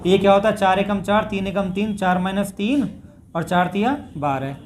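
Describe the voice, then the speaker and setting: A man's voice: high voice, moderate pace, slight background noise. A man with a north Indian Hindi accent, teaching a maths class step by step and addressing his students as "bhai". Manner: talks through steps, addresses students as bhai.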